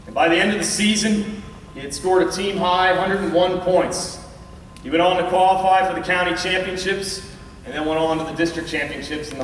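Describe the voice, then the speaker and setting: American male coach, earnest awards-ceremony address, recorded far from the mic in a reverberant hall with faint noise. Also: fairly high pitch. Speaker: high school track coach. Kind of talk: prepared awards ceremony speech.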